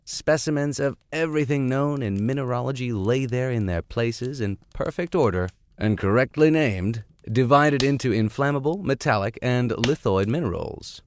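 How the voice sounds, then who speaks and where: Speaking at normal speed with hardly any pauses, a man reads classic literature for his podcast, mixing narration with wry, offhand tangents. His voice is mid-range, and the recording is dry.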